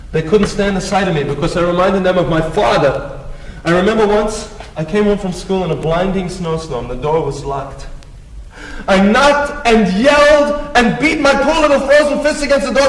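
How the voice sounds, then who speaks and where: A man's voice: high voice, lightly acted. A man acting a despairing, self-pitying grown man in a stage comedy, mumbling gloomily and breaking into wails. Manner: mopey, swings between mumbling gloom and wailing. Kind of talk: stage comedy cast recording. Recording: echoey theater, distant mic, audience noise. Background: live audience.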